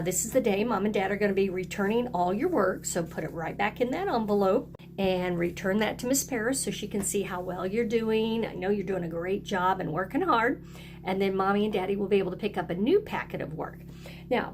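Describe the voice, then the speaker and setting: A woman early-grade teacher with a medium-pitched voice encourages young children during a video lesson, inviting them to join in and repeat after her. Some background noise can be heard.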